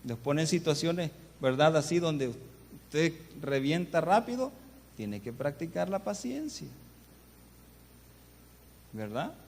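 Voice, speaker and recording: A man's voice: a little high, sing-song, slow, pauses often, darkish tone. A man, a guest pastor preaching a sermon and telling stories while often addressing the congregation. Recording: long church reverb, faint background noise.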